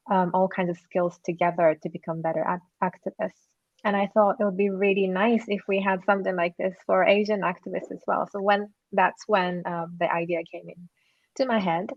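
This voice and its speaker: Woman, panelist, lowish voice, earnest and thoughtful, um fillers, dry dull audio. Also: dry recording. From Japan. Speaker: panelist, co-founder of an activist group. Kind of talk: panel discussion answer.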